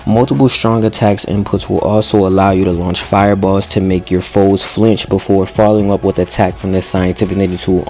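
A deep-voiced gaming YouTuber reads a game's patch notes aloud with commentary. Between passages he drops slangy, excited asides, and he stumbles and restarts as he reads.

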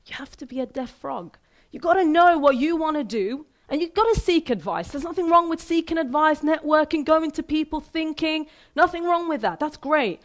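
High-pitched woman in her thirties, keynote speaker, chatty and lively, quizzing the audience from the stage. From Iran, raised in Sweden. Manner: lively, conversational, asks the audience questions. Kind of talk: motivational talk. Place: theater stage with a large audience hall. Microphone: headset mic.

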